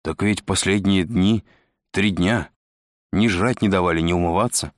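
A man's voice: low voice, moderate pace, no room sound, studio quality, lightly acted. A man putting on a hissing, spluttering sardonic man. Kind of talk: audiobook character reading.

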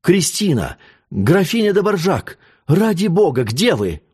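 An earnest young nobleman from an old storybook, read by a male narrator. He asks with urgency and rises in pitch with lively swings. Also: measured pace, slightly rough. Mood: anxious.

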